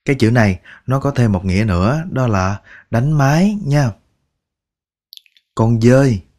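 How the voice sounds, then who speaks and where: A man teaching English pronunciation, repeating each word slowly and drawing out its sounds, patient and coaxing. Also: mid-range voice, expressive. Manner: patient, coaxing, ends phrases with soft particles. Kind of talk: slow pronunciation lesson.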